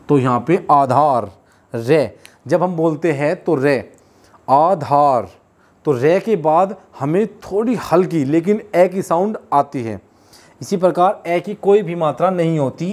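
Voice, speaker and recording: A man's voice: fairly high pitch, a little mellow. A man teaching a lesson, explaining step by step, repeating key terms and correcting himself along the way. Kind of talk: classroom lesson.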